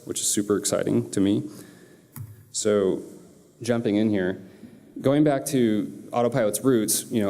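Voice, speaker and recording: A man with a low voice gives a conference presentation in a big hall, and the room's long reverb trails after his words. His delivery is loose and conversational, full of fillers and restarts. The tone stays mellow and dark. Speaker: conference speaker.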